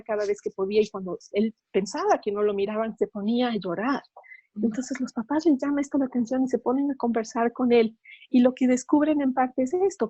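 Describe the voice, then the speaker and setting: A woman's voice: on the high side, mellow, breathy edge. A woman psychologist speaking as an interview guest, explaining patiently, often adding tag questions and light laughs. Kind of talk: interview talk.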